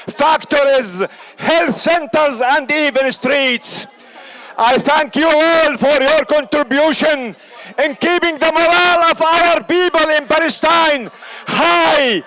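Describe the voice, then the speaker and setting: Man, rally organizer, high bright voice, slow deliberate delivery. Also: low-quality recording. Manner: slow, emphatic, shouting to a crowd. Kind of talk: rally speech.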